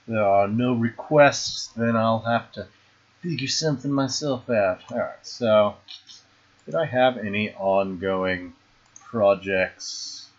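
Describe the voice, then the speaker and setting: A man's voice: lowish voice, slow pace, pauses often. A man chatting casually while live-streaming a card game, hesitant and full of fillers and restarts. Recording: dull lo-fi stream audio.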